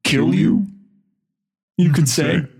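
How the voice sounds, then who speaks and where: A man's voice: fairly high pitch, slow pace, vocal fry, darkish tone, slightly rough, voice pushed up, heavily acted. A man voicing a scarred, shadowy assassin who taunts his target, in a tabletop game. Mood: taunting.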